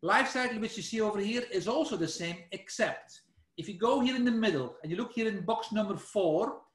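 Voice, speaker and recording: A Belgian man with a Flemish accent talks fairly quickly in a high voice full of lively intonation, his sound echoing around the room. Hosting a technical webinar over screen share without showing himself, he explains in a relaxed way, with self-corrections and "let's say" fillers.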